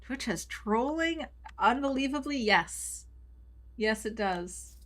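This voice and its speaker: A woman's voice: on the high side, expressive, slow, fairly bright tone. A woman streaming a video game, chatting playfully with her viewers and reading their messages aloud. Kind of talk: casual live-stream commentary.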